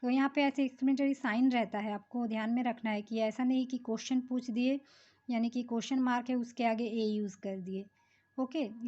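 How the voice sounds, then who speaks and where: A woman teaching English grammar in a classroom-style lesson. She explains slowly and patiently, mixes Hindi with English terms and often pauses on fillers and "okay". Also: on the high side, warm tone. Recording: dull lo-fi recording.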